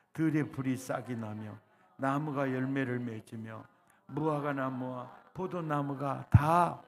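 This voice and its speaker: A male pastor preaching a revival sermon, leading the congregation in call-and-response and swinging from soft lines to loud cries. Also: medium pitch, vocal fry. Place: church sanctuary.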